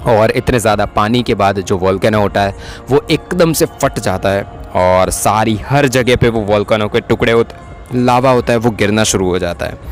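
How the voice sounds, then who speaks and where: Man, lowish voice, casual chatty episode-recap narrator. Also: moderate pace, soft background music. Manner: chatty retelling with frequent tag questions. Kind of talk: casual Hindi plot recap.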